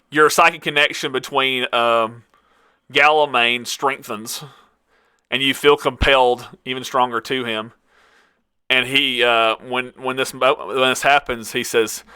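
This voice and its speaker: Bright-voiced man running a tabletop game. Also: medium pitch, clean tone, dry recording, studio quality. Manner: relaxed, self-correcting, laughs easily. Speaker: game master.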